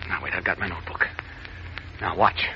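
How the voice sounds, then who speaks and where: A man's voice: deep voice, a little fast, natural voice. An actor playing Superman in his guise as Clark Kent, a grown man, in 1940s radio-drama style. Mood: earnest, puzzled. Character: Superman as mild reporter Clark Kent, earnest adult man. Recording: dull old radio broadcast, faint hiss.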